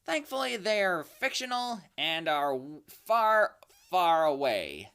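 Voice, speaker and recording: A speaker presenting a countdown in a horror-host manner, with theatrically spooky asides and dramatic pauses. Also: mid-range voice, very animated, vocal fry, fairly bright tone, smooth. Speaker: host of a top-ten creature countdown video. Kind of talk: spoken countdown commentary, semi-improvised.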